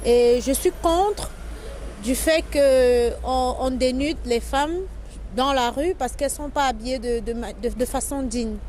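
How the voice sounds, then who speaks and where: A woman from Cameroon answers a street interview hesitantly. Her voice is high. Faint noise sits behind her. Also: measured pace, darkish tone.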